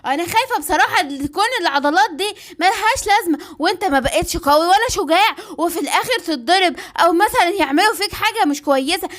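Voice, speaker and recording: Very high squeaky lion cub, woman voicing, fast, Egyptian accent, pleading. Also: animated, a bit bright. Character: young lion cub, worried child.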